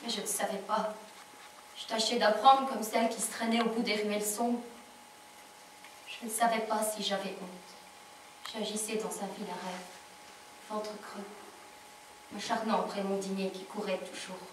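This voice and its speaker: Voicing a worn-down, wistful, fiery laundress, an actress gives a French theatrical monologue with sung sections, her mood desperate and weary as she shifts from hushed tones to shouting. The delivery is flat, medium-pitched, at normal speed with long pauses and a natural voice, captured from afar in an echoey room with faint noise.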